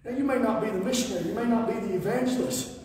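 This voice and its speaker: Male guest pastor, 50s, animated sermon, caught from far off in an echoey church hall. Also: high-pitched, rapid-fire. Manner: animated, paces the platform and gestures; swings from quiet asides to sudden shouts. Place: wood-panelled church sanctuary, indoors. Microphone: far camera, no visible mic.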